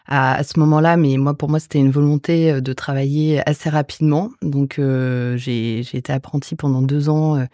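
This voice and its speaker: A woman in her forties from the Paris region, a guest in a podcast interview, answering hesitantly with many filler pauses. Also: deep voice, fairly even intonation, dark tone, dry recording, studio quality. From Paris region, France. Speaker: guest investor.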